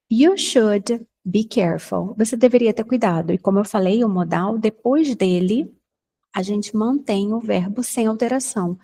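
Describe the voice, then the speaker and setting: Brazilian woman English teacher, husky mellow voice, chatty asides, slow drawn-out examples. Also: fairly high pitch, low-quality recording. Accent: Brazilian Portuguese. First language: Portuguese. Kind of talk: casual recorded language lesson.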